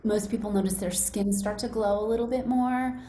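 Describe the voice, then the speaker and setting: A woman's voice: medium pitch, steady tone, brisk, warm tone. A woman hosting a casual, encouraging live demonstration for a group on a video call, chatty and addressing listeners directly. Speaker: host demonstrating a wellness device to an online group. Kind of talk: casual enthusiastic live demo, with calm guided relaxation. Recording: roomy echoing video call with faint noise.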